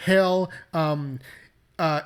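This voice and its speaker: Animated man ranting in casual chat. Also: on the high side, very slow, clear, resonant tone. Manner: animated, profane, exaggerated ranting. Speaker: podcast co-host.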